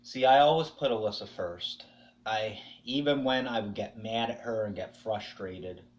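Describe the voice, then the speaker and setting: A young man speaking in an emotional, halting personal monologue, swearing and at times dropping almost to a whisper. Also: fairly low pitch, muffled recording, a little hiss or hum. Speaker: vlogger.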